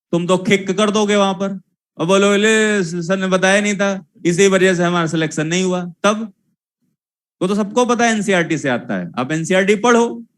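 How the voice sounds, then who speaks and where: A high-pitched young man gives a zoology lecture. He keeps scolding the students, repeating the same points over and over. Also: a bit bright. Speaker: teacher. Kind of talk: classroom lecture.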